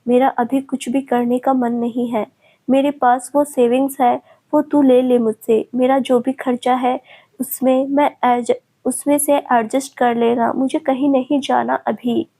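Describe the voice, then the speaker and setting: Lovesick young woman close to tears, high and mellow; female narrator doing her. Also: flat delivery, measured pace. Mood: tearful. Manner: pleading, tearful. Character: heartbroken young woman in love, tearful.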